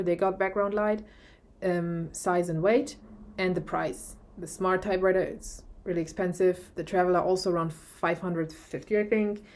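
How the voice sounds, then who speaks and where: A young German woman, a vlogger with a German accent, chats casually in a product review video, using many fillers and restarts. Her voice is on the low side with a darkish tone.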